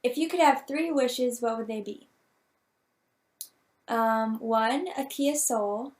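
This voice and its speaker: A woman vlogger with a slow, fairly high voice answers viewer questions at home while talking to her cat. The chat is casual, playful, rambling, and full of jokes.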